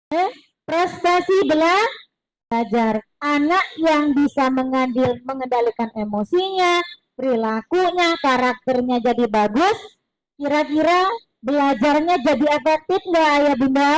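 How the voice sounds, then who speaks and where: A woman giving a religious parenting talk in a lively, chatty way, slipping in words and acting out other people's lines. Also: sits high, dry recording, poor audio. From East Java. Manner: lively, chatty, mixes Javanese words, acts out voices of others. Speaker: parenting seminar speaker. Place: mosque hall.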